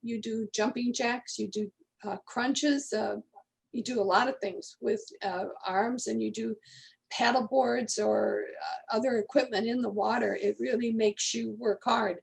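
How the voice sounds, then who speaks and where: Woman, 80s; rambling, friendly interview guest with a gravelly edge. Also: a little high, fairly even intonation, measured pace. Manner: chatty, rambling storyteller. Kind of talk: casual conversation.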